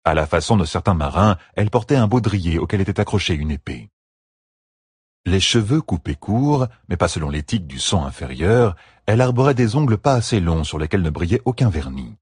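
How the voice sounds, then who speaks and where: A man reads a fantasy audiobook in a steady, expressive way, his low, husky voice rising and falling freely. The sound is dry and close. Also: no echo. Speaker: narrator. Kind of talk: audiobook narration.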